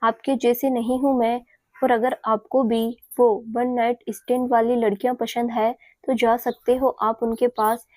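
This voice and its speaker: A woman's voice: on the high side, flat delivery, measured pace, darkish tone, dry recording. A woman narrator voicing an angry, possessive young woman who scolds her lover sharply.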